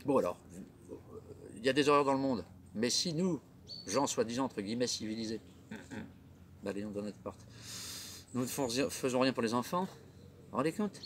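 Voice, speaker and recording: A man's voice: medium pitch, lively intonation, normal speed, pauses often, slight background noise. A middle-aged man hosting his own comedy web show, rambling through a theatrical monologue full of rhetorical questions. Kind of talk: casual monologue.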